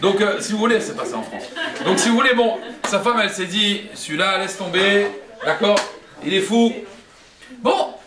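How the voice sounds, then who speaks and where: A man telling a story to an audience in an animated way, laughing often. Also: high-pitched, normal speed, crowd noise. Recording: roomy, from a distance.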